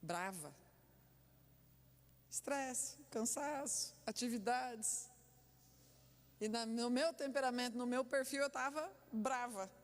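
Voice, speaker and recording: Woman, pastor, sermon, animated and expressive, reverberant church hall. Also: on the high side, slow pace, long pauses. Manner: animated storytelling with laughter.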